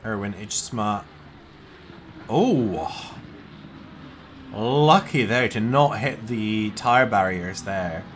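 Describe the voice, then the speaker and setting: A man's voice: fairly low pitch, slow pace, hardly any pauses, fairly bright tone, slight background noise. A man commentating a sim race in a casual, jokey way. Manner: jokey, swears, laughs between calls.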